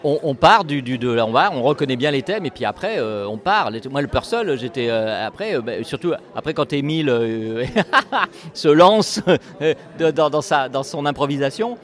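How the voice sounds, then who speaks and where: A man's voice: mid-range voice, very animated, normal speed. Rambling, stumbling male interviewer. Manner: rambling, stumbling and repeating words. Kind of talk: casual interview questions.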